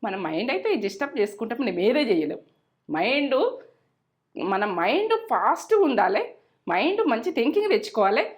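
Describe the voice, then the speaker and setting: A woman's voice: on the high side, very animated, fairly quick. A middle-aged woman hosts a cooking channel, chatting and giving homely advice and repeating herself as she goes. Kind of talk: casual cooking chat with advice.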